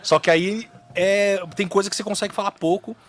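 A man's voice: high voice, fairly quick. A man, chatting casually and teaching how to do voice impressions. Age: 40s. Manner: animated, coaching, jumps into impersonations. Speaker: impressionist coaching others.

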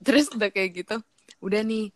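A woman's voice: medium pitch, fairly quick, dry recording. A young woman telling a rambling story in casual chat, laughing between filler words.

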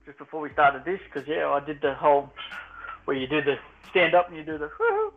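Blokey Australian man, higher-pitched, dull call audio. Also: fairly quick, soft background music. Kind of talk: casual chat.

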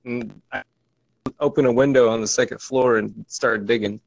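A man from Michigan chatting casually, halting and restarting his sentences. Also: medium pitch, fairly even intonation, vocal fry, lo-fi sound. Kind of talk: casual chat.

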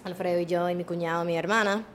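A woman from Maryland hosts a podcast in a relaxed, chatty way, slipping English words into her talk. Her voice sits a little low. A faint hiss of noise runs behind her. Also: quick pace. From Maryland, USA. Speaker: podcast host. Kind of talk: bilingual casual chat.

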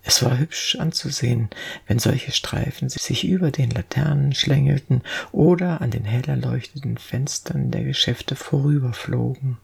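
A narrator reading a storybook aloud, with a very gravelly, breathy voice that often drops to a half-whisper. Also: medium pitch. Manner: slow, soft storytelling. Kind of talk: audiobook storytelling.

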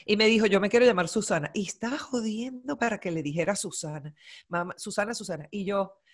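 A woman's voice: mid-range voice, fast. A middle-aged woman chatting casually and candidly, telling stories about her daughter and acting out remembered conversations. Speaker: podcast co-host. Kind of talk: casual chat.

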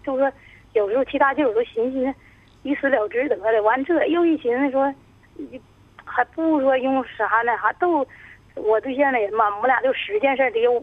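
A woman, calling in to a radio show and talking in a halting, rambling way. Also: high-pitched, no echo. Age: 50s. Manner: halting, rambling, stumbles over words. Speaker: caller. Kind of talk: radio call-in, telling her troubles. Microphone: telephone. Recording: tinny dry phone line.

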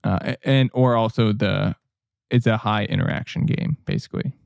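A man's voice: fairly low pitch, moderate pace, creaky, clear, resonant tone, dry recording, muffled recording. A man co-hosting a board game podcast, chatting casually and rambling a little with restarts. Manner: relaxed, rambling with restarts and fillers.

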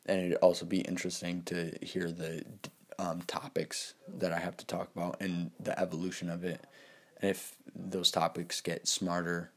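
A man's voice: sits low, monotone, normal speed. An eighteen-year-old man talking casually on his own, rambling with lots of fillers and restarts. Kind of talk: casual solo talk.

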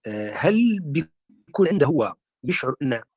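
A man with a Libyan accent, calling in to a talk show and asking questions in a measured, formal way. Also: a little high, sing-song, darkish tone, husky, dry recording. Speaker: caller.

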